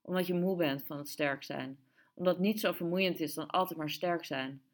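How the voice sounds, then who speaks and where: Woman reading as a weary young woman, low-pitched, tired, pleading storybook voice. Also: normal speed, close to an everyday voice. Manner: long tired pleading outpouring. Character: Rafaela, weary young woman pouring out her heart.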